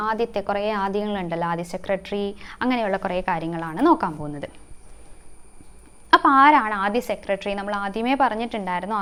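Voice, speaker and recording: A woman's voice: medium pitch, fairly bright tone, smooth. A young woman teaching an exam-prep lesson, quizzing the listener, repeating the answers and linking facts with memory tricks. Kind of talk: online lesson.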